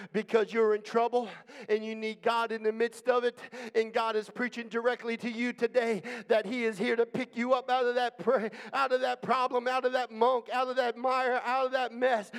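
A pastor with a very high, creaky yet clean-toned voice delivers an impassioned sermon in a church hall during a service. He is emphatic and declamatory, building on repeated phrases. The recording carries a long, reverberant hall sound.

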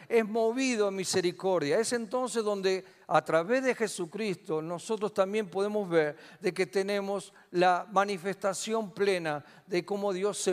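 A man with a Rioplatense Spanish accent preaches a sermon in a high, light voice. He puts questions to his congregation and answers them himself. The hall carries a long reverb around him. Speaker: pastor. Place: church hall.

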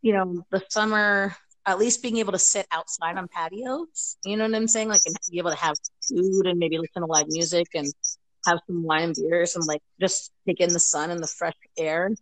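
A woman's voice: lowish voice, fairly even intonation, moderate pace, low-quality recording. Chatty American-born woman on a call. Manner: chatty, rambling, many fillers. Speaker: podcast guest. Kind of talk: casual chat. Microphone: video call.

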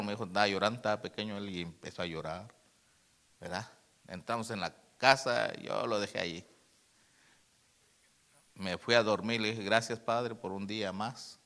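Bright-voiced preacher man. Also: fairly low pitch. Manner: storytelling preacher, addresses listeners as "hermano", swings from loud to hushed. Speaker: pastor. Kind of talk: sermon.

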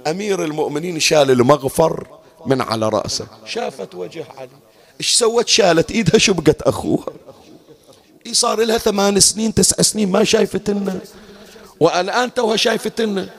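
A male preacher with an Iraqi accent, narrating a religious story dramatically in a sermon, with sing-song rises. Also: high-pitched. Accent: Iraqi Arabic. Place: mosque or gathering hall.

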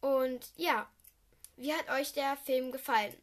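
A woman's voice: high-pitched, slow pace. A teenage girl from Düsseldorf hosting a casual solo film-review podcast, rambling and correcting herself with giggly asides. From Düsseldorf, Germany. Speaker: podcast host.

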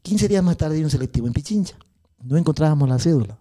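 A man with an Ecuadorian Spanish accent, a coach telling a story in an interview, acting out the dialogue. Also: on the high side. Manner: acts out dialogue, laughs often, quick and lively. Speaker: athletics coach.

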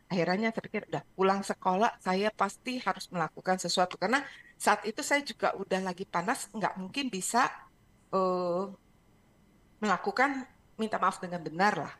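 Middle-aged woman coach on a radio show; animated storyteller who code-switches into English. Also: mid-range voice. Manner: lively storytelling, sprinkles English phrases. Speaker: parenting and emotion coach, guest. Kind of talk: radio talk show interview.

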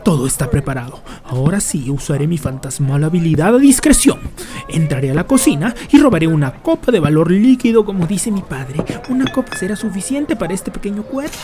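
An actor plays a young boy in a radio drama. He is wounded and resentful, and he talks of being forgotten with a heavy, brooding edge. His voice sits at an ordinary middle pitch. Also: expressive, fairly quick, warm tone, soft background music, close to an everyday voice. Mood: bitter. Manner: resentful, then pleading and desperate. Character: bitter young boy plotting to die.

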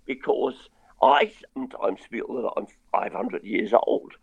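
A man's voice: medium pitch, unhurried, gravelly, phone-quality sound. A man with a crackling voice, telling his story with wry chat as a songwriter guest. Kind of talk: casual remote interview.

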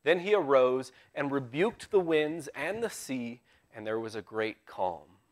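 A man preaching a live sermon in a church in a conversational way, with wry asides, swinging between loud emphasis and hushed tones. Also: medium pitch, expressive, a little slow. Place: church sanctuary.

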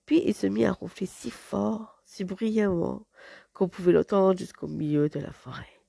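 A woman narrating a fairy tale in an expressive, dramatic read-aloud manner. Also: mid-range voice, a little slow, gravelly, husky, no room sound. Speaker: storyteller.

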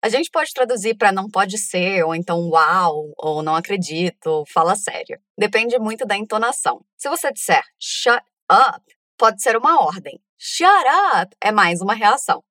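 Woman teacher modeling phrases slowly. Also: mid-range voice, expressive, fairly bright tone, no room sound, studio quality. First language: Portuguese. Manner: slow, deliberate word-by-word modeling. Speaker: English teacher. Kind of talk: pronunciation lesson with drills.

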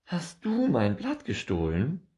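A man voicing an anxious, excitable little squirrel in a children's storybook, shrill and loud. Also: takes it slowly, full character voice. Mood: frantic. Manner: shrill, frantic, loud exclaiming. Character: anxious excitable squirrel, male, small, frets.

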